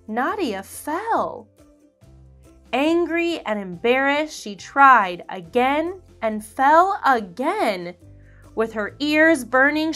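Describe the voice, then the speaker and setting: A children's book reader performs a picture book with expressive delivery, slowly stretching each line for her young audience. Her pitch is a bit high and varies a lot, her telling animated, deliberate, and clear, with quiet music faintly behind.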